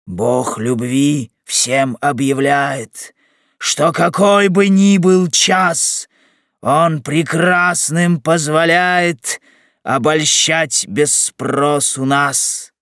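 A man's voice: on the high side, extremely slow, fairly bright tone, dry recording, studio quality, voice pushed up, exaggerated voice. A man voicing a spirited, teasing young corporal who declaims verse, in a raised voice. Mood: playful verse.

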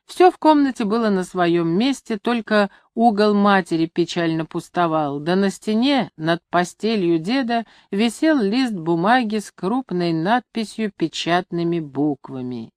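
A woman narrating a novel in a measured, even storytelling manner. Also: medium pitch, no room sound, studio quality. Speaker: audiobook narrator. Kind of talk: scripted literary narration.

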